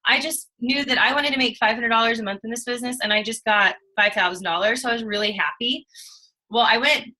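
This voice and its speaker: A woman in her thirties telling her own story in a casual, animated way, acting out what she and others said. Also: fairly high pitch, quick pace, low-quality recording. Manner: animated, emotional storytelling with quoted asides. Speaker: network marketing distributor. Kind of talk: casual testimonial chat.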